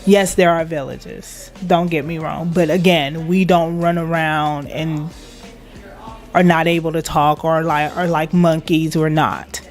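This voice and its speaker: With soft music playing behind her, a woman from Liberia talks at a measured pace in a steady, low voice. She's the guest in a relaxed interview, an internet radio station manager who speaks with pride and emphasis and laughs frequently.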